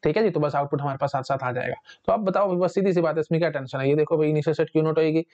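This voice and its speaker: A man teaching a rushed revision lesson, asking questions and answering them himself, with filler like "ठीक है जी". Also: fairly high pitch, a little mellow, highs cut off. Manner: quick, repeats "ठीक है जी", asks and answers himself. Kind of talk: fast revision lecture.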